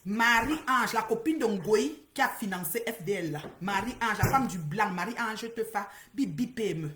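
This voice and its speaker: A woman with a West African French accent hosting a heated livestream, repeating names and calling people out, swinging between loud outbursts and low muttering. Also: expressive, a little slow, roomy sound, background noise. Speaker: livestream host. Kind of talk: heated social media livestream rant.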